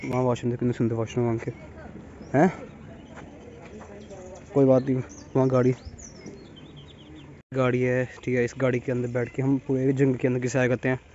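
A young man vlogging casually outdoors in a sanctuary, chatty and teasing, speaking softly because his throat is sore. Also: medium pitch, little pitch movement, normal speed, pauses often, lo-fi sound, a little hiss or hum. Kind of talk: casual vlog narration.

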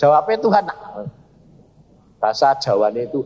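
A man with a Javanese accent preaches in an animated storytelling style, slipping into the voices of the people in his stories. His pitch leaps up and down constantly. The sound is dull and lo-fi, with long reverb from a large hall. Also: moderate pace. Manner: animated, acts out dialogue in many voices. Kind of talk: storytelling sermon.

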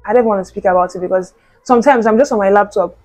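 A woman's voice: medium pitch, quick pace, a little mellow, soft background music, low-quality recording. A young woman, a university student chatting casually to camera, full of "like" and "you know". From Nigeria. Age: young adult. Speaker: vlogger.

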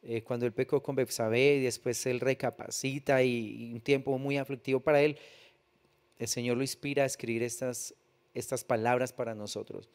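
A man delivers a church sermon in a mid-pitched voice. He reads scripture aloud, then breaks it down earnestly and checks in with the congregation through rhetorical questions. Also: a little mellow, clear, resonant tone. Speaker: pastor.

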